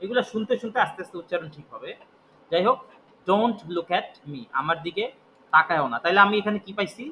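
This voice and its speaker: A man's voice: sits high, lively intonation, rapid-fire, pushed and bright, a little hiss or hum, low-quality recording. A man teaching English grammar, explaining step by step and asking and answering his own questions. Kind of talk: spoken grammar lesson.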